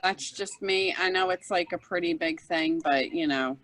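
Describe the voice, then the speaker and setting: Woman, lowish voice, chatting on a video call, kinda hesitant, lots of "i don't know". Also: moderate pace, a bit bright, low-quality recording. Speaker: cosplay group member. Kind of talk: casual video call chat.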